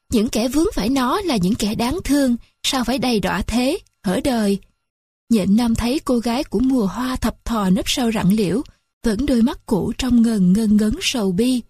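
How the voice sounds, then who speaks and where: A woman narrates a literary story in a lyrical, mournful reading. Her voice is husky and sits fairly high. The recording is dry and close, with no room sound. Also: warm tone, dry recording.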